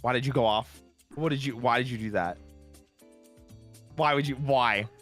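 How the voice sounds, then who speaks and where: A man's voice: medium pitch, normal speed, over music. A man co-playing on a game stream, chatting casually and teasing his partner playfully. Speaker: streamer guest. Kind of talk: casual gaming stream chat.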